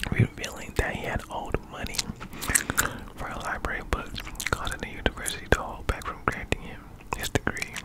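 A young man whispers softly as an ASMR host, reading aloud close to the microphone while chewing gum. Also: poor audio. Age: young adult. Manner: soft, unvoiced whisper throughout. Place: small indoor room. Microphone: close condenser microphone with furry windscreen.

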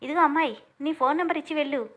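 A woman voicing a brisk, businesslike hostel matron giving instructions in a storybook reading. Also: high voice, fairly bright tone.

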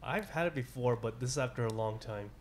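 A man in casual podcast chat, low-key with dry puns. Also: a little fast. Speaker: podcast co-host.

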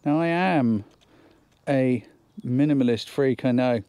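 A man's voice: medium pitch, slow pace, dark tone, clean tone, no room sound. A man giving an enthusiastic, chatty photography lesson outdoors on a countryside hillside, thinking aloud as he works. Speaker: photography tutor. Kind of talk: instructional outdoor vlog.

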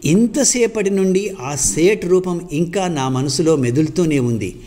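A man's voice: on the high side, unhurried, dark tone, slight background noise. A man reading a short story aloud in a reflective, emotional first-person telling.

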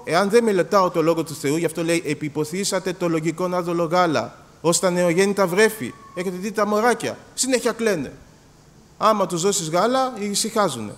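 Greek male preacher, lively pitch swings, acts out scenes, reverberant church hall. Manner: animated, acts out dialogues, repeats words. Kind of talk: sermon.

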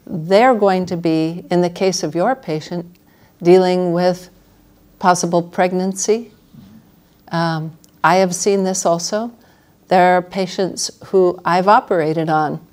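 An older woman, a paediatric urologist, giving a measured answer at a panel discussion in a wood-panelled meeting room. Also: lowish voice, a little mellow.

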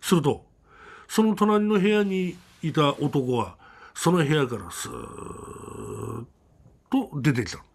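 Gravelly male ghost storyteller. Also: a little high, sing-song, slow, slight background noise. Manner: dramatic, with sudden drops to a hush. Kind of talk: live true ghost story telling.

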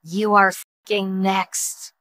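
A gleefully murderous robot villainess from an animated comedy, acted by a woman. She speaks with theatrical, mock-evil menace at a middling pitch. The sound is very dry. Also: takes it slowly, no room sound. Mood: taunting menace.

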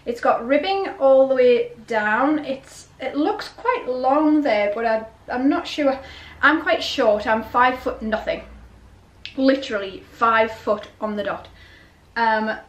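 A middle-aged woman chatting casually and rambling a little, asking herself questions, as in a clothing haul vlog. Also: sits high. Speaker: vlogger. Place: small bedroom, indoors. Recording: roomy bedroom echo.

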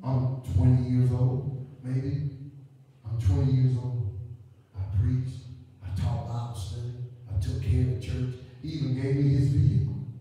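A male pastor preaching into a handheld mic in a small church, rising into sung, shouted phrases as he builds. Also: mid-range voice, level tone, measured pace. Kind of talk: sermon. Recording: roomy echo, camera at a distance.

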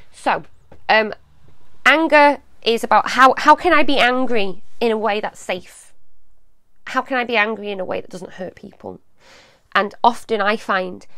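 Gentle reassuring woman, dry close sound. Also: medium pitch, dry recording. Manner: gentle, reassuring, speaks directly to the viewer with frequent "yeah?" check-ins. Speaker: host of a live advice show. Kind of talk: live-streamed advice talk to viewers.

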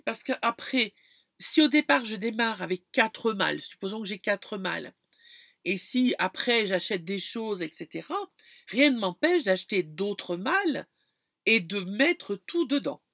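A woman's voice: medium pitch, animated, measured pace, gravelly, fairly bright tone, no echo, clean studio sound. A woman from France talking casually to her viewers, explaining things with lots of fillers and restarts. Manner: chatty, many fillers and restarts, addresses viewer directly. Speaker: vlogger. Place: campground.

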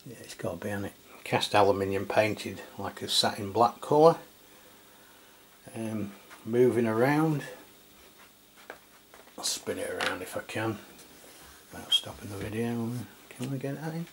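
A middle-aged man who reviews radios tries out a product at an indoor table, musing hesitantly in an unscripted, relaxed demo. He speaks in a lowish voice, a little slowly and with frequent pauses, against audible background noise and room ambience.

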